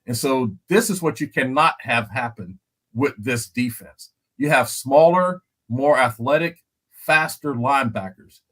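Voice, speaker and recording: A man's voice: mid-range voice, a little slow. Older man breaking down football film. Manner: animated storyteller, repeats phrases, "you know what I'm saying". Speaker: guest analyst, former NFL lineman. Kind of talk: casual podcast commentary.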